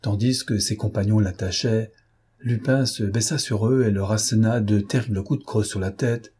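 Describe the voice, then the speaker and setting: Husky, mellow male audiobook narrator. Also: on the low side, steady tone, moderate pace. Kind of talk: scripted narration.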